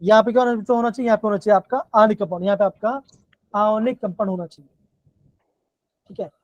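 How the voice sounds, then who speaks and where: High-voiced male chemistry teacher, repetitive. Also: steady tone, a little fast, no echo. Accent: Himachali Hindi. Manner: repetitive, keeps calling the students "बच्चों". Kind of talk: live online class lecture. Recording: dull, dry low-fi online class audio.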